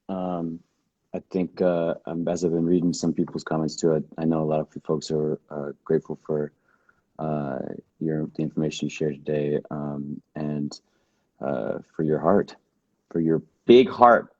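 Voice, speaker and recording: A man hosts a relaxed livestream chat in a very deep, mellow voice. He talks easily, with slang and plenty of fillers. The sound is dry, dull and lo-fi. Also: dry recording. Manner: easygoing, uses slang and fillers. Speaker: host.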